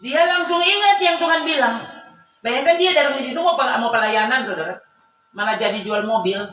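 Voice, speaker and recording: A woman pastor with a Manado Malay accent preaching a storytelling sermon, animated and swinging from hushed asides to loud exclamations. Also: high voice, normal speed. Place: church hall. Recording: echoey church hall, mic far off, faint background noise.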